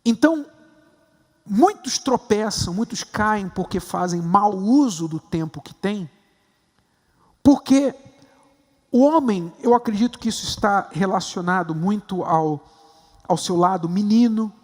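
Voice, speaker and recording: A man with a Brazilian Portuguese accent, a bishop preaching a sermon with emphatic rises to stressed high points. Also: animated, unhurried, long pauses, a little mellow, long reverb tail. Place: large temple hall.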